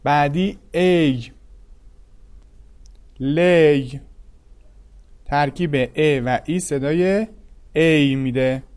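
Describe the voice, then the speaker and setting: Man teaching a language lesson, slightly higher voice, slow and clear sounding-out of each vowel. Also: darkish tone.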